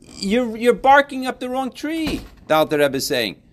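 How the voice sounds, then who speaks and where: Animated man teaching a class. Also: very high-pitched, normal speed. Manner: animated, playful sports examples, builds to emphatic points. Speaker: Torah teacher. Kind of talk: classroom lesson.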